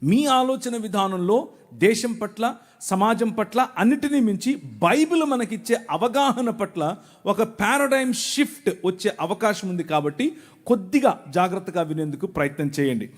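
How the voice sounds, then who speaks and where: A man with a notably high voice delivers a sermon to thousands in a large venue. He moves between playful banter with the crowd and careful, teacherly explanation. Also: expressive, normal speed. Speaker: preacher. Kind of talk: sermon to a live audience.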